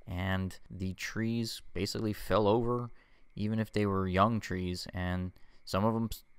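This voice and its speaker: Deep-voiced man, relaxed travel voice-over. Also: unhurried, smooth, no echo. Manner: easygoing, chatty, self-deprecating asides. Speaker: travel vlogger narrating a boat tour. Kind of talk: casual voice-over narration.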